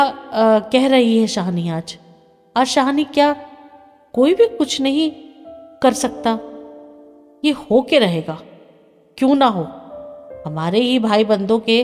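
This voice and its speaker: Woman storyteller, unhurried, expressive pauses, somewhat high voice. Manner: measured, expressive, dramatic pauses. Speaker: narrator. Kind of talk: storytelling, reading a short story aloud. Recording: reverberant with soft background music.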